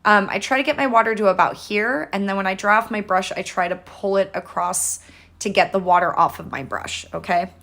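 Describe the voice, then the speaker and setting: Chatty woman doing a casual paint tutorial, encouraging, informal, medium pitch. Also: a little fast, vocal fry, fairly bright tone. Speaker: painting instructor.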